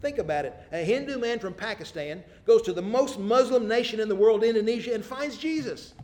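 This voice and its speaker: Man preaching, earnest storyteller, fairly high voice, sermon delivery. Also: lively intonation, a little fast, darkish tone. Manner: storytelling, earnest, varies emphasis.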